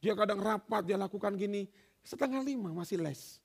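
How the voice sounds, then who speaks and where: A man preaching a sermon in a high, gravelly voice. He tells stories and acts out the dialogue, swinging between loud and soft. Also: fairly quick.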